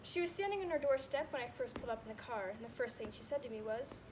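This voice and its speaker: A woman's voice: fairly high pitch, animated, quick pace, lightly acted. A young woman on stage playing a divorced grown son who tells stories about his mother and mimics her lines. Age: late teens. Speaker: student actor. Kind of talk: stage monologue. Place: school theater stage. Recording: hissy stage recording.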